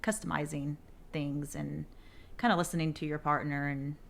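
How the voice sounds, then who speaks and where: A woman co-hosting a casual podcast chat, relaxed, chatty and teasing. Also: deep voice, normal speed, creaky. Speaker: podcast co-host.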